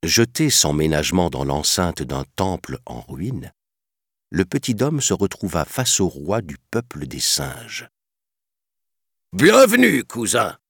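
A man narrating a children's storybook in a measured, expressive reading. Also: a bass voice, husky, no room sound, clean studio sound.

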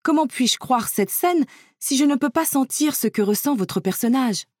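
Storybook stepmother, strict and exacting, raised pitch and volume; a woman reader puts her on. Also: expressive, normal speed, a little mellow, no echo, studio quality. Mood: demanding. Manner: bossy, exacting, commanding. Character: strict demanding stepmother, haughty noblewoman.

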